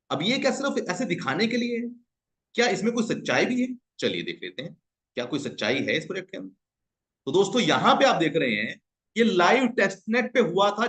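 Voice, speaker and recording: A man giving a hyped, salesy screen-share pitch for an online business, constantly calling out to his viewers as friends. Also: fairly bright tone.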